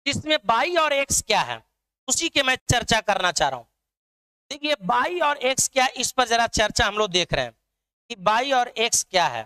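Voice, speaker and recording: Online math teacher, male, very high pitch, clear voice, quizzes viewers over and over. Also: very animated, normal speed, bright, forceful tone. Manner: drills students with repeated questions.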